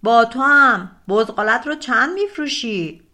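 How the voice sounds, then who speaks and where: A woman's voice: on the high side, animated, sharp tone. Woman voicing a brusque old bazaar trader. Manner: brusque, haggling. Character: shrewd old male merchant in a village bazaar.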